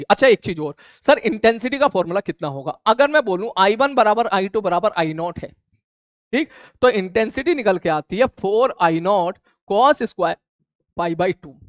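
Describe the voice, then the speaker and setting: Here a man with a high voice leads a live online physics revision class, informal and talkative, repeatedly asking "clear?" to see whether students follow. It's a studio-quality recording without any room sound.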